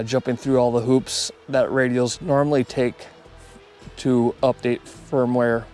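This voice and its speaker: In a mid-range, somewhat dark voice, a man hosts an unscripted hobbyist video reviewing equipment. His delivery is relaxed, plain and chatty.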